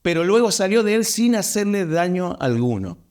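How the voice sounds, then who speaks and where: Man, pastor, Rioplatense accent, sermon, emphatic repetition, raised pitch. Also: very animated, moderate pace, darkish tone. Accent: Rioplatense Spanish. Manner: emphatic, repeating key words for stress.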